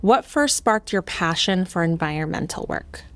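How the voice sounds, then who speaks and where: A woman's voice: on the low side, expressive, normal speed. A woman hosting a podcast, reading an intro and interviewing a guest in an upbeat, encouraging way. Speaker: podcast host. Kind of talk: scripted intro then casual interview.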